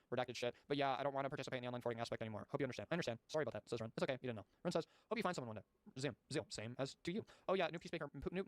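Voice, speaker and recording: A man's voice: mid-range voice, no echo. A male streamer reading documents aloud with live commentary, often stumbling over words and breaking off into exasperated, profane asides.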